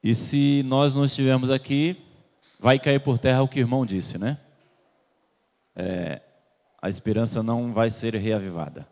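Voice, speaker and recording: In a church hall with long reverb, a preacher from Salvador, Bahia, Brazil asks the congregation questions and waits for them to answer. He speaks at medium pitch and moderate pace with a darkish tone, pausing often.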